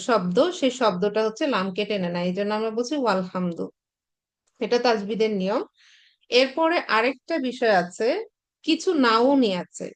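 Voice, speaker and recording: Woman teaching patiently. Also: on the high side. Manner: patient, repetitive explanation with many fillers. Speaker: Arabic teacher. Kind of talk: recorded online class lecture.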